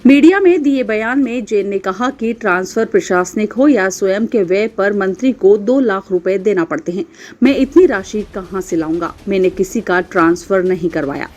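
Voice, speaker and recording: A woman reads a local news bulletin in a formal, measured way. Her voice sits at an ordinary middle pitch, and she keeps the same steady tone throughout. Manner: formal, even reading. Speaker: news reader. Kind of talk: scripted news narration.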